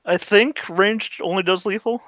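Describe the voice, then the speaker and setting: A man with a fairly high, bright voice runs a tabletop game, casually narrating and giving rulings. He sounds forceful, in a dry, slightly dull recording. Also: a little slow, no room sound. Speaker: game master.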